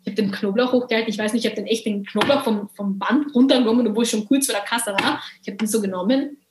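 A woman with an Austrian German accent, a podcast guest telling stories in a lively, sarcastic way and slipping into English phrases. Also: on the high side, quick pace, echoey room, noisy background. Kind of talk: candid podcast conversation.

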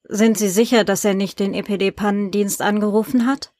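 A woman's voice: medium pitch, fairly even intonation, brisk, a little mellow, no room sound, natural voice. A woman voicing a polite, persistent male journalist in an audiobook, in a businesslike questioning manner and close to her own voice.

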